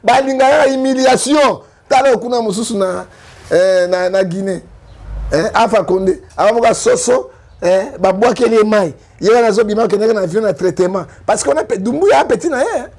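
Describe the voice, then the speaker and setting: A man from Congo with a Congolese French accent, giving animated political commentary full of rhetorical questions. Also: high voice, a little fast, vocal fry. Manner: emphatic, rhetorical questions, frequent "hein?".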